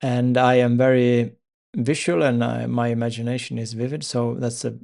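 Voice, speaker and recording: Guy teaching spiritual stuff, creaky gravelly voice, talks in halting little chunks. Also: mid-range voice, little pitch movement, darkish tone. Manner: halting, with pauses mid-phrase. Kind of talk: informal spiritual talk with demonstration.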